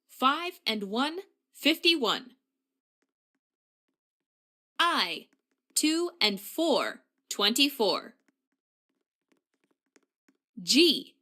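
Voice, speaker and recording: Bright, very slow-paced woman bingo caller. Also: fairly high pitch, very animated. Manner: clipped, measured announcing in short set phrases. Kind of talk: formulaic bingo calling, number by number.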